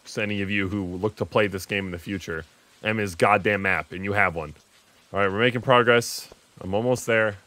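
A man's voice: lowish voice, brisk, bright, forceful tone, no echo. A young man giving casual gameplay commentary, crude and sarcastic, swearing often. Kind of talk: casual let's-play commentary.

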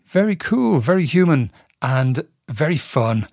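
A man's voice: fairly high pitch, sing-song, measured pace, gravelly, darkish tone, no echo, studio quality. A man hosting a podcast interview, introducing clips and asking questions in a polished way. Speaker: podcast host.

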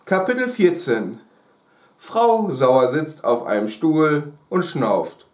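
A man reading a children's book aloud in chapters, calm and unhurried, with casual asides. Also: fairly high pitch. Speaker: storyteller. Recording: roomy echo.

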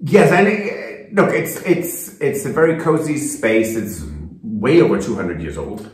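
A man's voice: medium pitch, expressive, unhurried, reverberant. A middle-aged man chatting casually as co-host of a renovation vlog, telling stories with repeated words, recorded in a farmhouse living room. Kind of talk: casual chat.

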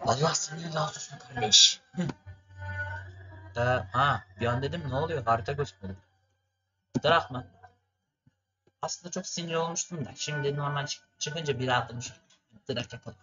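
A man's voice: mid-range voice, fairly quick, long pauses, sharp tone, dull audio. A young man from Turkey commentating his racing game for viewers, ranting and cursing at it in frustration. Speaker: gaming streamer. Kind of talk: gameplay commentary.

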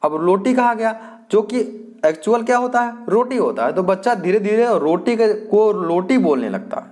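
A man's voice: high voice, animated, moderate pace, a little mellow. A male teacher giving an exam-prep lecture. He repeats his points, asks the class questions and answers them himself, and often hesitates and restarts.

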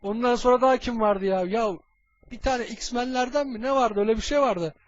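A man's voice: very high voice, fairly quick, no room sound, lo-fi sound. A man voicing a bossy, scatterbrained, crude-talking cartoon hero in an amateur comedy parody dub. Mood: puzzled, muttering.

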